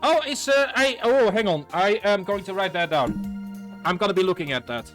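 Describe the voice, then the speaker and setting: Rambling game streamer man, fairly high voice, chatty, faint music behind. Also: lively intonation, normal speed, a bit bright. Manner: chatty, rambling, self-interrupting. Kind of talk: casual gameplay commentary.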